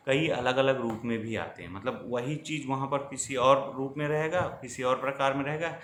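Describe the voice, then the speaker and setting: Male teacher, mid-pitched, talks students through slides; roomy, slightly noisy recording. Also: normal speed, fairly bright tone. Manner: explanatory, addresses students directly with frequent checks. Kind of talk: classroom-style grammar lesson over slides. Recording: echoey room with faint ambient noise.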